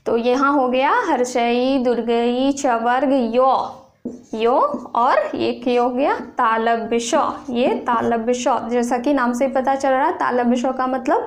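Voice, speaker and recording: A young woman with a Bihari accent teaching a grammar lesson, repeating rules slowly and asking the viewer questions. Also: fairly high pitch.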